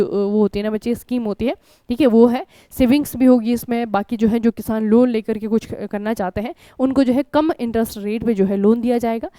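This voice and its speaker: A woman from India takes an exam-prep class with a slightly high, mellow voice. She teaches in a chatty way and keeps checking in with her students. The recording is close and dry. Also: no room sound. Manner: conversational, keeps asking "ठीक है?" and addressing students as children. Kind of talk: online current-affairs lesson.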